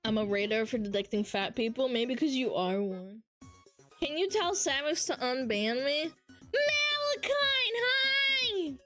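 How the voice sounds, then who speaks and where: With faint music in the background, a woman with a nasal voice reads her livestream viewers' comments and chats casually, teasing them and laughing a lot. She speaks high, bright and forceful, a little slowly, with plenty of expression.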